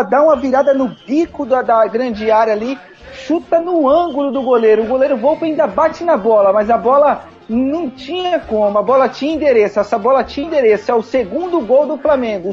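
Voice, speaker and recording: A Brazilian man analysing football play as a pundit on a lo-fi radio broadcast. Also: very high-pitched. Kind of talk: match analysis commentary. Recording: dull lo-fi radio broadcast sound.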